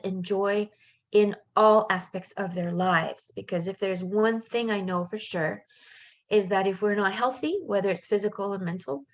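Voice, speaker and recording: Canadian by birth and raised in France, this middle-aged life coach talks in a mid-range voice. She leads a live webinar in an easygoing, upbeat style, rambling with fillers and little asides.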